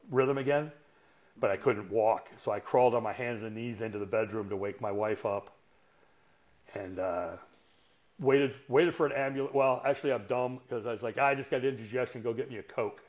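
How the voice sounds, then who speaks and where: A man in his sixties, a coach guesting on a podcast, tells a story in a casual, blunt way, swearing often and pausing on fillers. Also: medium pitch. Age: 60s. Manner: blunt and profane, halting with fillers.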